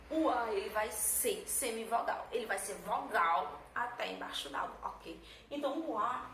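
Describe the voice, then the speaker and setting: A woman's voice: a little high, sharp tone. Woman teacher explaining patiently. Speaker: Portuguese teacher. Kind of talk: recorded classroom lesson. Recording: echoey room, mic at a distance, faint background noise.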